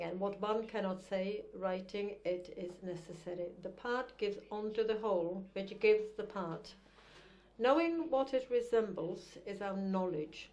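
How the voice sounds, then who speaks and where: A woman's voice: mid-range voice, darkish tone. A woman introducing a poem with hesitant fillers, then reading it aloud carefully. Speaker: poetry reader.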